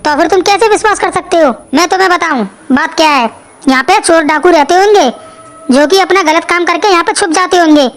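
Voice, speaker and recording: A woman's voice: extremely high pitch, fairly bright tone. A woman voicing a bold, skeptical young village man in a cartoon, speaking in a brash, scoffing manner. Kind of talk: cartoon voice acting.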